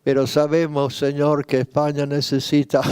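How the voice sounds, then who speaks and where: A man, a pastor, leading a sermon and spoken prayer, repeating his pleas slowly and fervently. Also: on the high side, completely flat delivery, darkish tone, smooth, dry recording. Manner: slow fervent praying, repeating pleas, rising in intensity. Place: church retreat.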